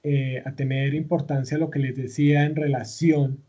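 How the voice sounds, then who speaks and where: A man's voice: mid-range voice, little pitch movement, moderate pace, mellow, slightly rough, muffled recording. A man teaching a recorded online class, walking through each step patiently with many fillers and self-corrections. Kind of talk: recorded online class, screen-share tutorial.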